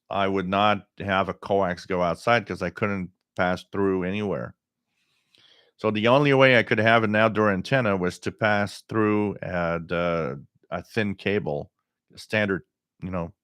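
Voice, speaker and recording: A middle-aged man hosting a casual live stream, talking in a halting way with frequent pauses as he reads out viewer comments. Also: low-pitched, fairly bright tone, no room sound, studio quality. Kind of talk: casual live stream chat about radio.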